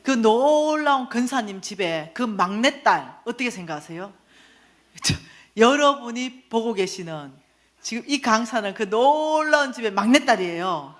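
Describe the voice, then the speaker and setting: A woman gives an animated storytelling lecture at church. Her voice sits fairly high and leaps around with wide, lively swings, and she acts out the people in her stories. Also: unhurried.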